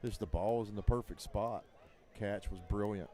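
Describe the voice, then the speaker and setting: A man's voice: lowish voice, normal speed, warm tone. A man doing color commentary, dry and sarcastic in banter. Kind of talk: casual sports commentary.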